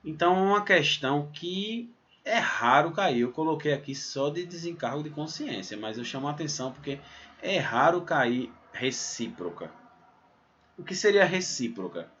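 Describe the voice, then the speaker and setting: A man from Pernambuco teaching a recorded math lesson, talking it through step by step with a lively delivery and frequent "né?" tags. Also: on the high side, normal speed, a little hiss or hum. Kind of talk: recorded exam-prep lesson. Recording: slightly dull, muffled sound.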